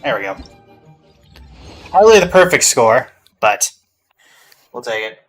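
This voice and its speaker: Male streamer, middle pitch, casual game reactions with faint music underneath. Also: big pitch swings, a little slow. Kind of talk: casual gameplay commentary.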